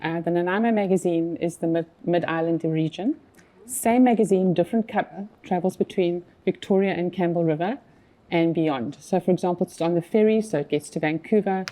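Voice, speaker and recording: Her talk comes fairly quick, lowish and dark-toned: a South African-accented woman in her fifties, a magazine publisher, chatting casually as an interview guest. She often uses fillers and restarts her sentences.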